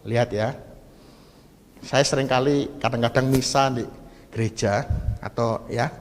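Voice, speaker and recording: A middle-aged man with an East Javanese accent, preaching to a congregation. He keeps asking the listeners questions, slips Javanese words into his Indonesian, and builds up to loud, shouted passages. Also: medium pitch, steady tone, unhurried. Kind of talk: sermon to a congregation. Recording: long reverb of a church hall.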